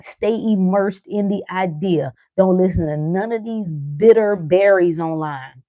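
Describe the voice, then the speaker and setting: A woman giving a casual motivational talk as a life coach, animated and playful, often laughing and acting out the voices of the people she quotes. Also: on the low side, no room sound, highs cut off.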